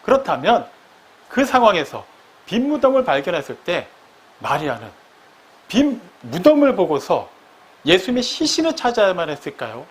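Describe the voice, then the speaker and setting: A man's voice: wildly swooping pitch, normal speed. A man preaching a sermon as pastor. He explains step by step, asks his listeners questions, and acts out quoted lines. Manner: acts out quoted lines with sharp rises and drops in pitch.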